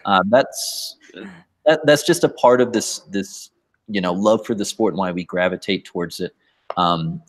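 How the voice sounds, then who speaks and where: A man chatting as a podcast guest, animated and loose, often repeating words and saying "like". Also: sits low. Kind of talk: casual podcast chat.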